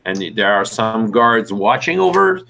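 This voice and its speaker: A man whose first language is French narrates a tabletop game as game master, restarting often. His voice is lowish, creaky and sharp in tone, very animated, and his delivery is halting and full of fillers and restarts.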